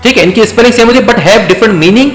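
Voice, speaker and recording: A man giving an English vocabulary lecture, explaining slowly with many fillers and check-ins. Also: high voice. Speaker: English teacher. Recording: echoey room with faint music.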